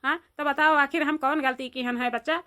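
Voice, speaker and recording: A high, bright Awadhi voice for a lovesick village mother who pleads in thick rustic dialect, as a woman acts her out. She sounds like a comic cartoon matriarch. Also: fairly even intonation, a little fast. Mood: pleading. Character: lovesick older village mother chasing her son-in-law. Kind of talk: cartoon voice acting.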